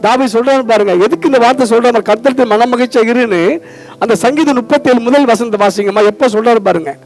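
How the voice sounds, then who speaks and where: A man with a Tamil accent preaches a fervent sermon in a strikingly high voice. He calls out to his listeners again and again and echoes their readings back to them. Soft music plays beneath him. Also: quick pace. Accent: Tamil Nadu. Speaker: pastor.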